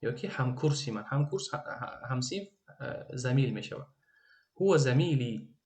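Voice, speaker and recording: Tajik-accented male Arabic teacher, patient, repeats and translates each phrase, mid-pitched voice. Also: expressive, a little mellow. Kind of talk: recorded Arabic grammar lesson.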